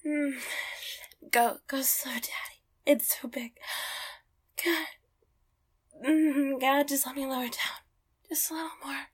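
A woman performing an intimate roleplay in soft, close whispers, often laughing quietly. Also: high voice, fairly even intonation, takes it slowly, long pauses.

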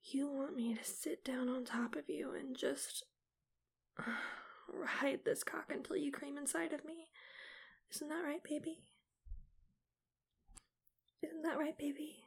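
Slow whispering woman, creaky and close. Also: high-pitched, fairly even intonation. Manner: soft breathy whisper, slow and teasing. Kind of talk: whispered ASMR roleplay. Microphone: close mic, right at the ear.

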